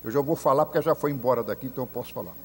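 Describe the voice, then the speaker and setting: A man's voice: mid-range voice, rapid-fire, slight background noise. A man with a Brazilian Portuguese accent, a messianic rabbi preaching a sermon, telling stories and acting out the voices he quotes. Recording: long hall reverb.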